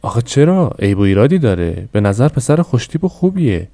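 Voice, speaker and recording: A man's voice: mid-range voice, very animated, warm tone, dry recording. A man voicing an agitated middle-aged shopkeeper father who scolds his daughter in a raised, insistent voice. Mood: pleading.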